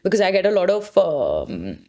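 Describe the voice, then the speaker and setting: A woman's voice: fairly low pitch, wildly swooping pitch, normal speed, warm tone. A woman with an Indian accent talking casually as a photographer in conversation, informally mixing in the odd Hindi word. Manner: informal, mixes in Hindi words. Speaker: photographer being interviewed.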